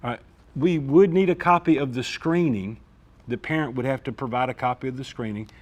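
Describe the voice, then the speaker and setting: A man's voice: mid-range voice, a little fast. A man, a school district administrator explaining discipline procedures at a staff meeting in an informal way, often checking in with "all right?".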